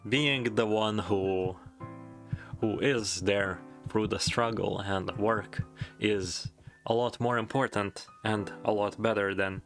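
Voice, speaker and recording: With a low-pitched, slightly bright voice, a man rambles through a casual look back as a video essayist, dropping wry asides along the way. Background music runs beneath his narration.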